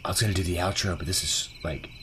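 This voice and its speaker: A man's voice: sits low, steady tone, quick pace, background noise. A man casually commentating as he plays a video game, reacting aloud and swearing freely. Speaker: gaming channel host. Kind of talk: casual let's-play commentary. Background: game music.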